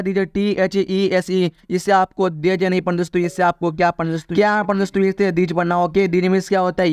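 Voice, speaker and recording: A man's voice: high-pitched, clean tone, no room sound, studio quality. A man teaching English pronunciation in Hindi, drilling each word with repeated questions. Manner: repetitive quiz-style drilling with "theek hai na?". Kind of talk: Hindi-language English lesson.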